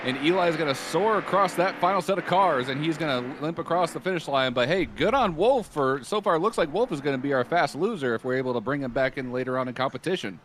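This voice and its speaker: A man's voice: on the high side, animated, fast talker, few pauses, a bit bright, slight background noise. A man doing easygoing, joking play-by-play commentary from a booth at a motorsport event. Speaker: race commentator. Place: commentary booth at a fairground track.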